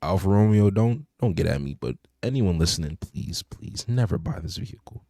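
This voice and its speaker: A man's voice: sits low, animated, moderate pace, creaky, dark tone, no room sound, clean studio sound. A young man co-hosting a podcast, chatting casually about cars, laid-back with lots of "you know" fillers. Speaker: podcast co-host. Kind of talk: casual car chat.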